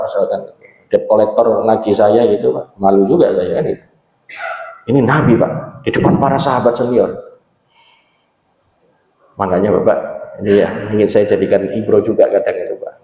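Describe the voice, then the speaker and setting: A man preaches in a relaxed, storytelling way, addressing his listeners as "Pak" every few words. His voice sits low. The recording rings with the echo of a large indoor space and sounds a little dull. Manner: storytelling, adds "Pak" to nearly every phrase. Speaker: Islamic preacher. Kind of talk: conversational religious lecture. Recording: echoey, slightly dull hall recording.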